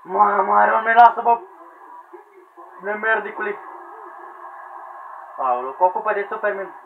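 A man commentates his own game in a high, jumpy voice that leaps all over the place as he shouts, begs and yells at the fighters. The recording is thin and phone-like, with a faint hiss behind him. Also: expressive, creaky. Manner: frantic, yelling at characters, pleading and laughing. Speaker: gamer commentating own play. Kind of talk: excited gameplay commentary. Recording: tinny lo-fi sound with faint hiss.

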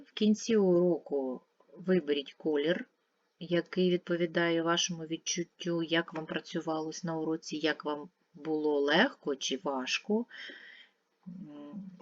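A woman's voice: sits low, no echo. A woman teacher giving a recorded lesson to young children, carefully repeating each word with its stress shifted. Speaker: primary school teacher. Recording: dull lo-fi sound.

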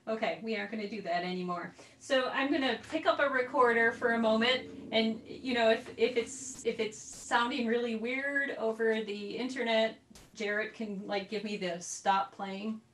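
A woman's voice: fairly high pitch, steady tone, normal speed, fairly bright tone, distant mic, a little hiss or hum. A woman teaching a group recorder lesson over a video call, explaining in a chatty way with little asides. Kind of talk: online group music lesson. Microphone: computer mic on a video call. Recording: roomy video-call audio from off-mic.

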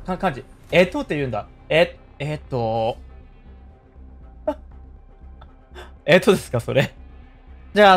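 A man, chatting playfully while he streams a game. His pitch sits a little high and swings widely as he jokes and reacts. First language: Korean. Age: 30s. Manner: joking and animated, with loud yelps and laughs. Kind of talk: casual gaming stream chat.

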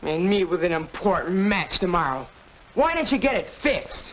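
A man's voice: high voice, very animated, moderate pace, fairly bright tone. A young man playing a grumbling, sarcastic American teenage son in a 1940s educational film. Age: young adult. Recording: noisy vintage film soundtrack.

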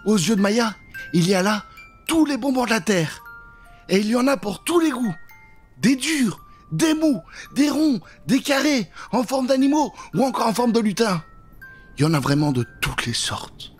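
His voice very high-pitched, husky, and sing-song, a middle-aged man performs a frightening children's tale theatrically at normal speed. He's recorded close on a pop-filtered studio mic in a small indoor set, with music in the background.

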